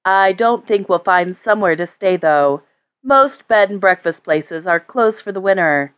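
A woman voicing a tired, grumpy grandfather and artist, gruff and weary, in an audiobook. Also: mid-range voice, animated, a little slow, fairly bright tone, muffled recording.

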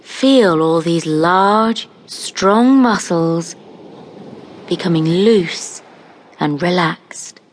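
A female guided relaxation narrator with a lowish voice reads a hypnotic script very slowly. She sounds calm and soothing, with roomy pauses between phrases.

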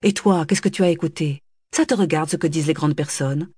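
A woman voicing an irritable, scolding mother with a sharp, nagging manner in an audiobook. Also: fairly low pitch, normal speed, slightly rough, no room sound, clean studio sound. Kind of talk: audiobook character voice.

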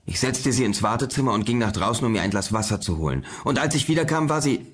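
A man's voice: fairly low pitch, expressive, quick pace, husky. A man voicing a panicked father insisting on what happened to his missing daughter, in an audiobook thriller. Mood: frantic. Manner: frantic, breathless insistence.

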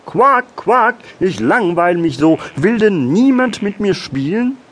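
Storybook frog: small, lonely, eager, voiced by a man — high, squeaky, lively. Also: takes it slowly, full character voice. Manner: high squeaky excited calling. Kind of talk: children's audiobook reading.

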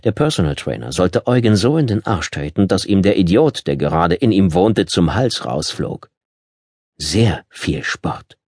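A man narrating an audiobook in a calm, measured way, recorded in a studio. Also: low-pitched, no room sound. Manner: ruhig, gemessen erzählend. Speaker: Hörbuchsprecher. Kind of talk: scripted narration. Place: Tonstudio.

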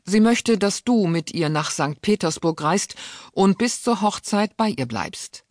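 A woman's voice: medium pitch, expressive, measured pace, darkish tone, no room sound, clean studio sound, pitched above the performer's own voice, lightly acted. A woman voicing a stern, disdainful aristocratic aunt who speaks sharply and impatiently. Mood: cold, scornful.

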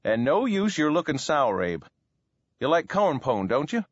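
A firm, plainspoken frontier farmer, voiced by a male narrator, talking in a rustic country way. The reading is lively in pitch, and the recording is dry and slightly dull. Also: unhurried, dry recording.

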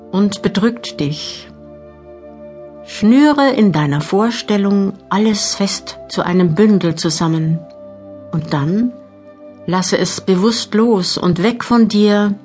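A woman narrating a guided meditation audiobook, giving measured instructions with long pauses. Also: mid-range voice, darkish tone. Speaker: mental training narrator. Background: new-age music.

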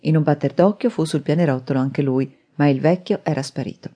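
Woman narrator, low mellow voice, dramatic thriller reading. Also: brisk, slightly rough, highs cut off. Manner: dramatic, steady storytelling. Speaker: audiobook narrator. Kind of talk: scripted narration.

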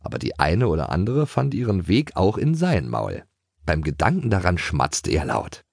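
A man narrating a children's audiobook in a playful, expressive way. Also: low-pitched, moderate pace, gravelly, no echo, studio quality.

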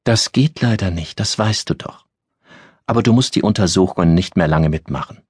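A kindly woman caretaker, soothing and motherly, in a low, husky voice, as a male narrator plays her. The sound is close and dry, with no room around it. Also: moderate pace, darkish tone, no echo. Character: adult female caretaker, stern but kindly.

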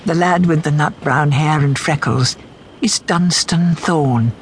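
Music plays under this narrator, an actor voicing the omniscient teller of a fairy tale for a scripted radio drama. The voice is mid-range and close to everyday speech, read slowly in a measured storytelling style, with slight background noise.

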